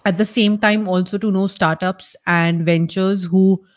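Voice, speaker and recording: A woman's voice: medium pitch, steady tone, unhurried. Woman with a North Indian accent, explaining emphatically. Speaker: startup founder, interview guest. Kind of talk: conversational interview answers.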